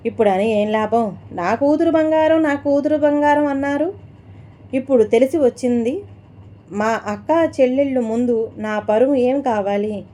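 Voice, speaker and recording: A woman's voice: sits high, a little slow. A woman voicing an angry, proud middle-aged mother who scolds her daughter in a spoken story. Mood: angry scolding. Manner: scolding, shouting.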